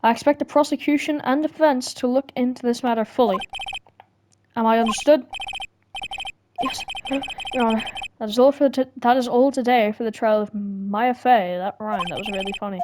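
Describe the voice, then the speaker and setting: A woman's voice: fairly high pitch, steady tone, moderate pace, noisy background. A woman reading every character of a courtroom game herself, joking and stumbling between lines. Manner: jokey, stumbles and laughs at herself, does put-on voices. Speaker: fan dub reader voicing every character. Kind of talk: playful solo game dub with asides.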